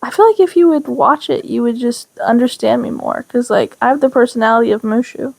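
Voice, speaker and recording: A woman chatting casually as a podcast co-host, telling personal stories in an animated way and acting out dialogue. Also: a little high, a little fast, vocal fry. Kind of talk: casual chat, personal storytelling.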